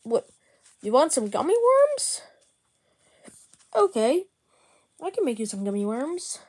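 A woman's voice: high voice, wildly swooping pitch, takes it slowly, a little mellow, slightly rough, full character voice. A woman voicing Junior, a hungry, whiny young boy in a plush toy comedy skit. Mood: pleading. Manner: whiny, pleading.

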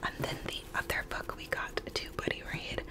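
A woman in her twenties whispering close to the microphone in a casual, rambling ASMR style as she talks about books. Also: normal speed. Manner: whispering throughout. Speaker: ASMR book vlogger. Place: bedroom, indoors. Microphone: close microphone with fluffy windscreen.

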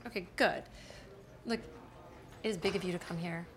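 An actress playing a TV show producer who talks politely but firmly, with nervous little laughs, in a studio hallway. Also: female voice, lowish voice, normal speed, noisy background, lightly acted.

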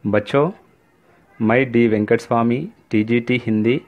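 A man teaching a recorded lesson to children, speaking slowly and deliberately and addressing the pupils often. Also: medium pitch, fairly even intonation, highs cut off. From India. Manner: slow, deliberate, repeats "बच्चों" to address pupils. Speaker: Hindi teacher.

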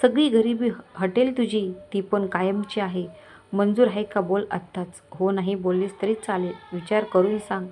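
A woman voices a scheming, lecherous middle-aged village moneylender, speaking in a coaxing, menacing and falsely kind way. Her natural voice is medium-pitched and dark, with a steady tone at normal speed.

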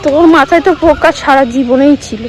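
A cheeky young girlfriend, vain and quick with a mocking comeback, as a man puts her on. Her voice sits very high, with loud outdoor traffic roaring behind. It is caught on a handheld phone in an open park. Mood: teasing.

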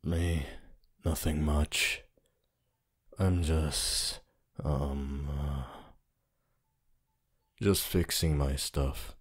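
Man voicing Hitoshi Shinsou, very deep husky flirt. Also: fairly even intonation, heavily acted. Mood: tired, awkward. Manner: slow, halting, low-key delivery with sighs and pauses. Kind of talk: roleplay ASMR voice acting.

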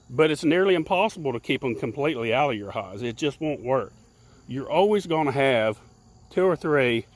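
A beekeeper who hosts a channel gives a casual how-to talk while working his hives, standing outdoors beside them in a grassy yard. He holds the camera himself, and his mid-pitched voice rambles in plain, folksy speech, repeating words.

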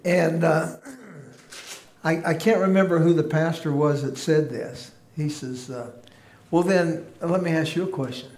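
In a church sanctuary whose room echoes, a pastor keeps things loose, bantering and joking with the people in the pews during an informal sermon. He speaks unhurriedly, his male voice sitting on the high side.

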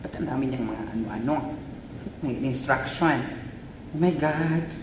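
A woman with a Filipino accent giggling and exclaiming excitedly as she unboxes a phone in a casual vlog. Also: extremely low pitch, measured pace, recorded from a distance, background noise. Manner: excitable, giggly, mixes Tagalog and English. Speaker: vlogger. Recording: echoey room, faint ambience.

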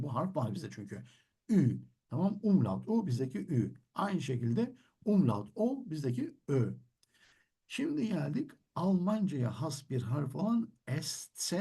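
A man's voice: fairly high pitch, creaky, warm tone, husky. A man teaching German, explaining patiently and answering his own questions. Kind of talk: classroom-style language lesson.

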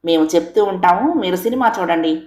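A woman's voice: lowish voice, brisk, darkish tone, natural voice. A woman voicing a stubborn older man who answers firmly and sharply, in an echoey room. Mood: calm. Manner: firm, retorting, matching anger.

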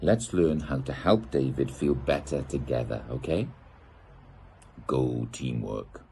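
Filmed from desk distance in a garden gazebo, a middle-aged man from the UK gives a playful, expressive reading of a children's picture book. His voice rumbles low and gravelly, he goes slowly, and there is slight background noise.

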